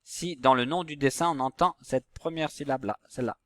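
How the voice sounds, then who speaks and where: A man teaching a recorded phonics lesson to young pupils, saying each example word slowly and patiently. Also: medium pitch, no room sound.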